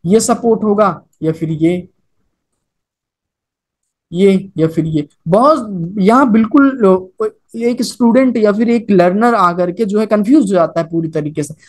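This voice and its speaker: A man's voice: high-pitched, a little slow. A man teaching a trading lecture over a chart. He talks casually, mixes in English trading terms, repeats his points and keeps checking in with "okay" and "right?". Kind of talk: screen-recorded chart lecture.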